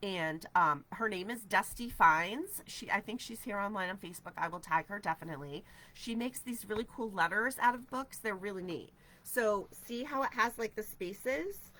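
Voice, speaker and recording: A woman in her forties, stuffy with a head cold, chats upbeat on a casual craft livestream from her studio full of ribbon shelves, replying to viewer comments. The New Hampshire, USA native speaks at medium pitch and normal speed with few pauses, her tone bright and forceful. The audio, from a camera at desk distance, is poor.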